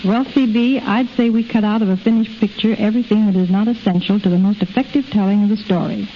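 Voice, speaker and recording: A middle-aged woman, a film editor appearing as a guest, reads scripted answers in a 1930s radio interview. Her medium-pitched voice is steady and quick, heard through a muffled, hissy period recording.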